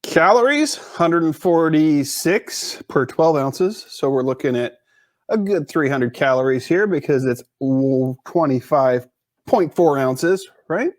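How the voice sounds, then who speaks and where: A man's voice: a little high, takes it slowly, darkish tone, dry recording. Rambling jokey man reviewing beer. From US Pacific Northwest. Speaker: podcast host reviewing beer. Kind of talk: casual solo beer review.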